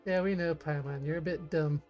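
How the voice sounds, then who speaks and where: A woman's voice: deep voice, steady tone, a little fast, darkish tone, lo-fi sound. A woman giving casual, playful live reaction commentary as a game streamer, joking along. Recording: game music behind the voice.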